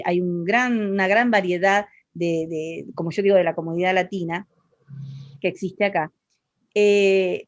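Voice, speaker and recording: Expressive Argentine woman talking. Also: on the low side, dry recording, highs cut off. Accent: Argentine Spanish. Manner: expressive, animated, many fillers and restarts. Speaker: interviewee. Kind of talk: casual conversational interview.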